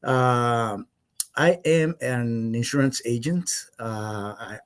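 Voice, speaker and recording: Guy, forties, stops and restarts a lot, middle pitch. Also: clear, resonant tone. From Costa Rica. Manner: halting, many fillers and restarts. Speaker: podcast guest, insurance agent. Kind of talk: casual interview conversation.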